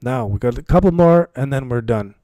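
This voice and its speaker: A man with an animated, warm, mid-range voice speaks fairly quickly while hosting a live stream as a cryptocurrency trading commentator. He chats casually with viewers and often repeats phrases for emphasis, and the recording is dry.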